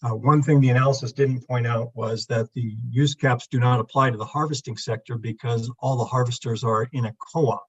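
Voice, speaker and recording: A man giving formal testimony over a remote call line, his voice muffled as if heard through a wall, in a measured, technical way. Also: medium pitch, fairly even intonation, slightly rough. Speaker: public testifier at a council meeting. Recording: dull muffled lo-fi remote audio.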